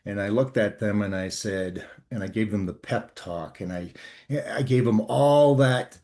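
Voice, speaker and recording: An older man from Canada, a guest author on leadership, telling a work story in an earnest, measured way with frequent pauses and fillers. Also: fairly low pitch, warm tone. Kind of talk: storytelling interview talk.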